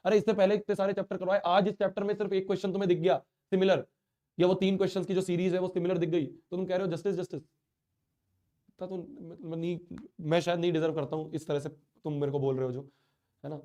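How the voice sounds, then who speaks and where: A man's voice: high voice, flat delivery, fast talker, dark tone. A man teaching a live online class, speaking in a hurt, earnest, pleading way while he has a sore throat and a stuffy nose.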